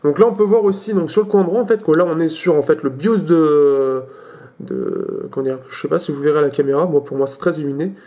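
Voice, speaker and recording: A young man with a fairly high voice hosts a casual tech demo in French. He hesitates often, filling gaps with short pauses and restarting his sentences as he clicks through menus. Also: mellow. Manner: hesitant, many fillers and restarts. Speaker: tech video host.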